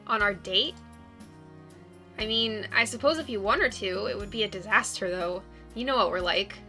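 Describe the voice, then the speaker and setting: A woman acts out a shy, anxious young woman in a visual novel game. Her voice is bright and tense, and she speaks hesitantly and awkwardly. Music plays faintly behind her. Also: medium pitch, moderate pace. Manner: nervous, hesitant, stammering.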